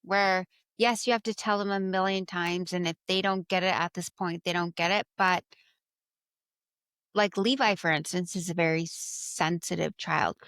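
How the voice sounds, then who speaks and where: A woman in her thirties co-hosting a casual talk show about parenting, speaking in a calm, measured way. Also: fairly low pitch, clear, resonant tone, no room sound. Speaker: podcast co-host, mother.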